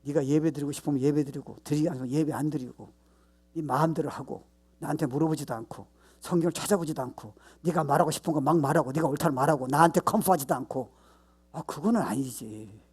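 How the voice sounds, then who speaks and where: A male pastor preaching a sermon, stressing points loudly, then dropping to low asides, with English phrases mixed into his talk. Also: quick pace, husky. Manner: emphatic, mixes English phrases into his Korean; swings between loud stress and low, soft asides.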